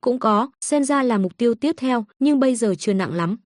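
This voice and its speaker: A woman voicing a sweet three-year-old girl with second sight in an audio story, soft and coaxing. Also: a little high, expressive, normal speed, dry recording, studio quality, natural voice. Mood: whispering.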